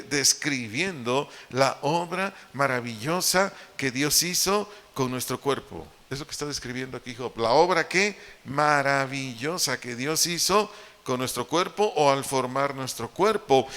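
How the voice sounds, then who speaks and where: A man's voice: medium pitch, pushed and bright. A man preaching a sermon with a Mexican Spanish accent, teaching step by step, repeating key points and putting questions to the congregation. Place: church hall. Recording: long hall reverb.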